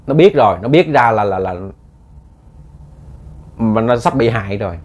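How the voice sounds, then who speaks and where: Folksy ghost-story teller. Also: male voice, mid-range voice, expressive, normal speed, a little mellow. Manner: folksy, repetitive, addresses listeners directly.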